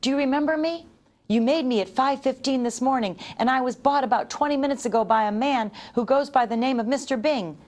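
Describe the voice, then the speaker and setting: A woman voicing an excitable, indignant little male talking doughnut in a children's storybook, with a dramatic manner. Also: sits high, brisk, pitched above the performer's own voice, natural voice. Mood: frantic, alarmed. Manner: dramatic, frantic, polite when pleading.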